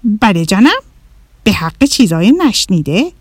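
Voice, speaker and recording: A woman's voice: mid-range voice, sing-song, no echo, clean studio sound. A woman voicing a kindly but exasperated male owl schoolteacher in a children's storybook. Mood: teacherly. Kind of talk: storybook narration.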